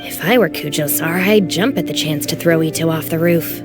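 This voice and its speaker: A woman voicing a tired, dutiful young female gang deputy in a video game, dry and deadpan. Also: deep voice, fairly quick, over music. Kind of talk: game voice acting.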